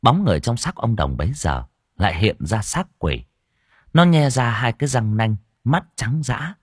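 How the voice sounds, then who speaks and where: A man narrating an audio horror story in an expressive, dramatic way. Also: mid-range voice, moderate pace, slightly rough, no echo, clean studio sound.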